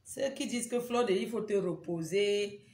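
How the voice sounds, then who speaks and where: A woman's voice: mid-range voice, normal speed, a little mellow, roomy sound. A woman hosting a casual live stream from home on her phone, urgently repeating her pleas to viewers and teasing them with scolding banter. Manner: repetitive, urgent pleading with viewers. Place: at home indoors.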